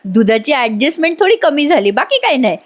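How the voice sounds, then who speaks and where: A man's voice: very high voice, very animated, fairly quick, pitched above the performer's own voice. A woman voicing a joking young man of the household in a spoken serial retelling. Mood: bantering. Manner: bantering.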